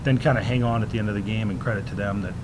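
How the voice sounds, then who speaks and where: A middle-aged man, a head hockey coach, answering questions at a postgame press conference at a table mic, measured and full of fillers. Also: on the low side, steady tone, background noise. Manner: measured, many fillers and restarts. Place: press room in front of a logo backdrop.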